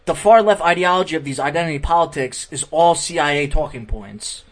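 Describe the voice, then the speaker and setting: A man hosts a political podcast and reacts to video clips. He rants heatedly, swears often and hammers his points by repeating them. His pitch sits a little high. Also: a little fast. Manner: heated, profane, repetitive ranting. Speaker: podcast host. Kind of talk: political commentary over clips.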